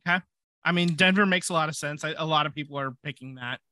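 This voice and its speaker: A man's voice: fairly high pitch, fast talker, sharp tone. A man co-hosting a casual sports podcast, thinking aloud with fillers and restarts. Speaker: podcast co-host.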